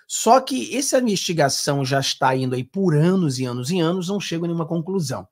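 A man's voice: fairly high pitch, animated, fast talker. Earnest Brazilian man commenting live. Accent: Brazilian Portuguese. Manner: earnest, emphatic, gestures with hands. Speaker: political commentator. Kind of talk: live-stream reaction commentary. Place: home studio with bookshelves. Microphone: over-ear headphones, desk mic.

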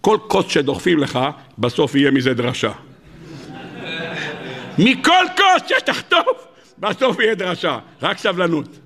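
A man preaching a sermon as a rabbi, animated and emphatic, acting out voices in his stories. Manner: animated preaching, rising to high emphatic peaks and acting out dialogue.

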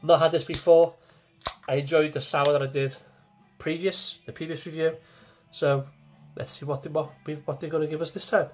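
A man's voice: fairly high pitch, fairly even intonation, normal speed, music in the background. A man in his forties, talking casually to camera from a small home kitchen as he reviews a beer, chatty and repeating himself as he goes.

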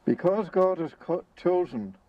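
A man leading a graveside burial service as priest, reading the prayers in a solemn, measured way outdoors. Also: high voice, animated, lo-fi sound.

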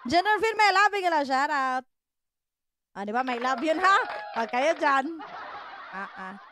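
A woman's voice: sits high, animated, a little slow, bright, forceful tone, a little hiss or hum. A woman chatting casually on a livestream, teasing her viewers and laughing often. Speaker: livestream vlogger.

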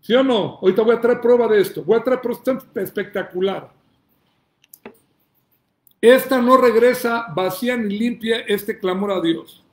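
Male rabbi, fiery question-and-answer sermon delivery, high-pitched, recorded in a reverberant room. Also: moderate pace. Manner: emphatic preacher, asks and answers his own questions, shouts calls to God.

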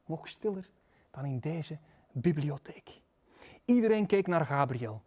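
A man with a Flemish accent reading a children's story aloud in a lively, playful way in a historic library reading room. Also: a little high, measured pace, breathy edge, lo-fi sound. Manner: lively, playful, voices characters. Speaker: storybook reader, literature lecturer.

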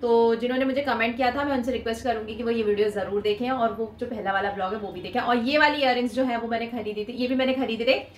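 In a small room, a twentysomething woman holds items up to the camera and chats about her shopping haul. She speaks quickly in a steady, somewhat high voice with few pauses, while the room echoes and a little background noise creeps in.

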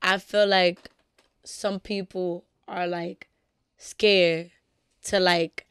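A woman's voice: lowish voice, flat delivery, drawn-out words, clean tone, no echo. A young woman from the Bronx with a New York accent, chatting bluntly and swearing freely as a podcast guest. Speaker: guest musician. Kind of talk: casual podcast chat.

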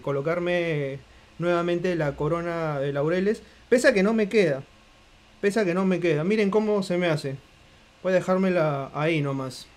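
A Peruvian man with a high voice hosts a live stream, chatting straight to his viewers. He plays it up with theatrical flair and lots of joking. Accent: Peruvian Spanish. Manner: playful, theatrical, addresses viewers directly. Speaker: host of a live book podcast. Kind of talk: live-stream casual chat.

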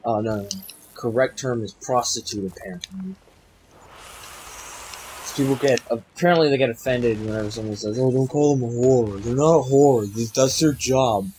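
A man's voice: medium pitch, normal speed, darkish tone, poor audio. A young man talks over his gameplay in a mid-range voice, rambling and swearing as he goes. He mocks himself in a loose, offhand way, and a faint hiss sits under the recording. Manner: crude, rambling, self-mocking. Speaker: gaming YouTuber. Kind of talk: casual let's play commentary.

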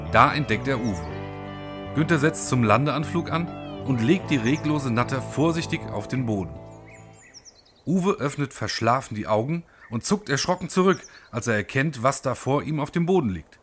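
A man narrating a children's storybook film in an expressive, animated way. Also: medium pitch, normal speed, music in the background.

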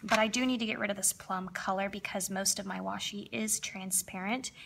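Fairly quick and steady in tone, a young woman's creaky, slightly froggy medium-pitched voice carries a casual voice-over as she decorates her planner. She's a planner crafting vlogger, chatty and upbeat, leaning on lots of fillers, with a noisy background behind her.

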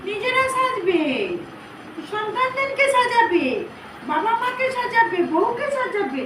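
Brief: woman as the goddess in trance, very high shrill voice, scolding devotees, echoey room, distant mic. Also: lively intonation, unhurried, noisy background. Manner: scolding, commanding, addresses listeners as child. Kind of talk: trance-like divine address.

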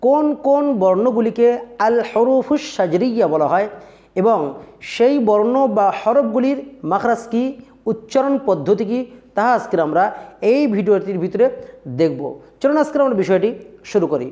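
A man's voice: high voice, expressive, normal speed, pauses often, dark tone, muffled recording. A man teaching the pronunciation of Arabic letters, addressing viewers as dear friends and drilling each sound over and over. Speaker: Quran recitation teacher.

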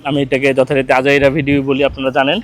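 A chatty man talks into a handheld phone camera, hesitant and full of fillers as he shows the sights. His voice sits at an average pitch, and faint music plays behind him. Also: monotone, rapid-fire. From Bangladesh. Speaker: vlogger. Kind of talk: casual travel vlog narration. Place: outdoors, then in a car.

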